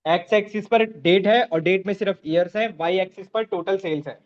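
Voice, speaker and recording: Man, high voice, step-by-step teaching, muffled lo-fi sound. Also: a little fast. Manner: step-by-step, checks in with students. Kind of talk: live online class instruction.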